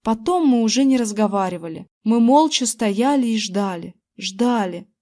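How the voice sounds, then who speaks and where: A woman's voice: a little high, animated, normal speed, mellow. Woman reading a storybook aloud. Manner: reads dialogue with light voicing of characters. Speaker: audiobook reader. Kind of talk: storybook narration with character voices.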